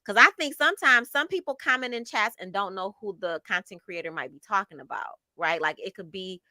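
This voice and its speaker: Middle-aged woman chatting, reads comments out n mulls them over, bright voice, dry sound. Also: mid-range voice, no room sound. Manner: reflective, measured, reads comments aloud. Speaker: co-host reading viewer comments. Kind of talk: casual chat.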